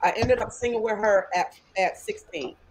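A woman guest, a gospel singer, telling her story in an animated way over a video call, often laughing. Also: medium pitch, normal speed, a little hiss or hum, poor audio.

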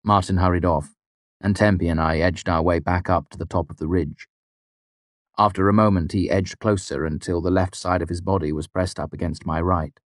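A man narrating a fantasy novel in the first person, with a measured storytelling delivery. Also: deep voice, fairly even intonation, dry recording, clean studio sound. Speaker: audiobook narrator.

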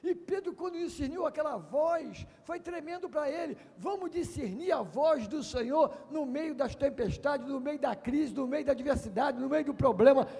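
High, gravelly pastor preaching. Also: male voice, expressive, moderate pace, hardly any pauses, in a large hall. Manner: emphatic preaching with shouts and call-and-response. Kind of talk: sermon. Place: large congress hall.

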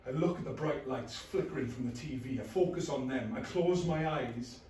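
A man's voice: mid-range voice, moderate pace, darkish tone. Guy in his 30s doing a moody theatre reading, clipped lines, roomy sound, bit of background hiss. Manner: intense, brooding, short clipped phrases. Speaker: actor in a rehearsed reading. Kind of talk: dramatic monologue, theatrical script reading. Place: small bare indoor rehearsal room. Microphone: distant camera across the room. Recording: echoey room, far from mic, faint noise.

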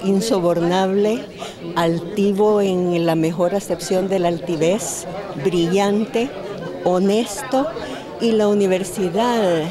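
A woman in her sixties giving a tribute interview at an event, speaking in an emphatic, admiring way. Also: lowish voice. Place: indoor event hall. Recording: crowded event room.

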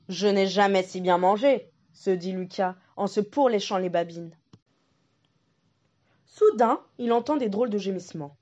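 A woman narrating a storybook in a slow, deliberate reading. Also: mid-range voice, warm tone. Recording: dull lo-fi recording.

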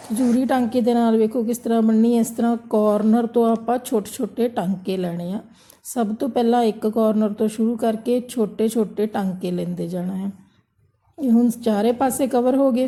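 Very dark-voiced woman teaching embroidery. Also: medium pitch. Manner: gentle, repetitive instructional tone. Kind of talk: step-by-step craft tutorial narration.

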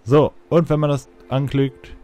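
A man's voice: mid-range voice, flat delivery, unhurried, dark tone. Chatty impatient German gamer guy. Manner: impatient, chatty, rambling asides. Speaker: let's play tutorial host. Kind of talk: casual gameplay commentary. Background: faint game music.

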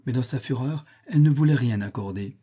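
A man reading a classic tale aloud as an audiobook narrator, in a calm, even storytelling manner. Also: medium pitch, brisk, husky. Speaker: audiobook reader. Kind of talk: scripted narration.

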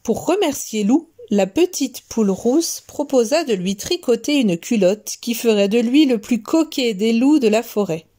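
A woman reading a children's story aloud, gentle and expressive. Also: a little high, normal speed, few pauses.

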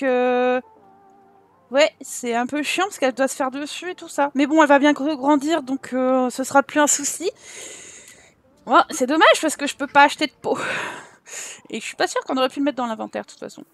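A woman's voice: high-pitched, dry recording. A young woman chatting casually over her gameplay, talking to her characters and giggling often. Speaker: gameplay YouTuber. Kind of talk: casual let's play commentary.

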